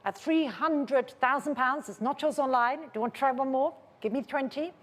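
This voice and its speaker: A woman's voice: high-pitched, moderate pace. Woman auctioneer calling bids in a reverberant hall. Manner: repeats bid figures insistently, polite and controlled. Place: large indoor auction room. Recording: reverberant large saleroom.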